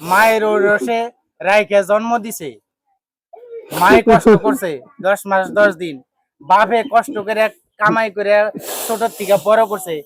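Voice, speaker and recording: A man playing a stern bystander who scolds and lectures a son in an amateur street drama. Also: sits high. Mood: preaching. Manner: scolding, preachy, emphatic.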